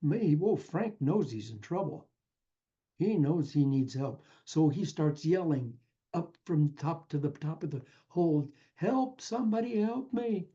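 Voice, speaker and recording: An earnest man giving an uplifting talk and weaving in a parable. His voice sits a bit high, yet sounds very dark and mellow with a husky grain. The recording is dull and lo-fi. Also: lively intonation, a little slow. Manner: earnest, storytelling, addresses listener as friend. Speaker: spiritual speaker.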